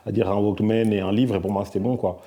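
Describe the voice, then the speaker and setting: A middle-aged man from Belgium, answering interview questions in a soft-spoken, hesitant way with many fillers. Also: on the low side, fairly even intonation, fast. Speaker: musician guest.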